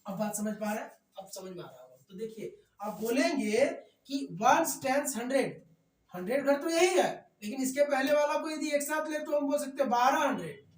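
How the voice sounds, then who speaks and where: A man's voice: very high voice, expressive, moderate pace. A man teaching a math lecture in class, repeating points and often checking that students follow. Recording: echoey room, voice far from mic.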